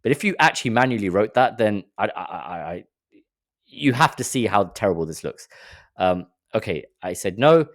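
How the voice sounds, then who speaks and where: A man's voice: on the low side, animated, moderate pace, no echo, studio quality. A man giving casual marketing advice on camera, exasperated and mocking, often stumbling over repeated words. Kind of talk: casual talking-head advice.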